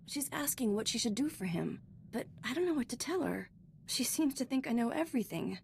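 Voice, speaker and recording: A woman's voice: a little high, lively intonation, fairly quick, creaky, a little hiss or hum. Earnest young warrior woman. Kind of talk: video game voice acting.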